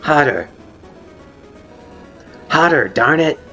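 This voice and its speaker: Pitching his voice on the high side, the male voice actor gives an exaggerated, animated, slow performance that sounds pushed and bright, with the highs cut off. He is fired up as the brash, hot-headed female monster guard captain, delivering blunt, informal dramatic game dialogue in a fan dub with background music.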